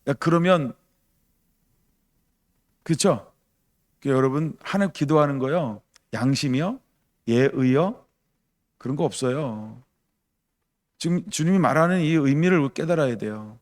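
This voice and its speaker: A man's voice: animated, measured pace, long pauses. A man preaching a sermon as pastor, urging his congregation with repeated phrases and questions. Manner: acts out God's voice louder and higher when pleading.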